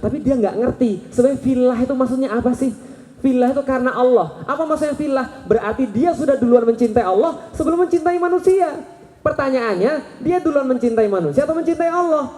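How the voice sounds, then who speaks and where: Animated male preacher in an echoey hall. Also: very high voice. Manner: animated storytelling, acting out quoted voices; asks the crowd rhetorical questions. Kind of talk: Islamic sermon to a live audience.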